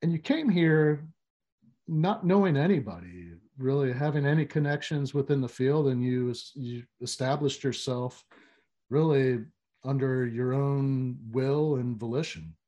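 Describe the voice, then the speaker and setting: A podcast host conducts an interview in a warm, mid-range voice. His speech is halting, with frequent fillers and restarts.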